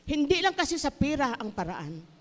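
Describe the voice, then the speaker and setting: A woman from the Philippines giving a sermon with a personal testimony, telling her story earnestly and rising to emphatic high bursts. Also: big pitch swings, normal speed. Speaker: church speaker. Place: church hall. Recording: church sanctuary with long reverb.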